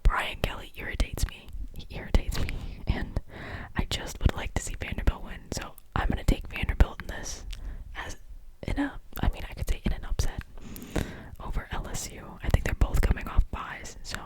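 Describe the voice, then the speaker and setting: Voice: moderate pace, rough recording. A host with a Midwestern American accent, giving whispered ASMR sports talk up close to the mic, rambling with many ums and restarts.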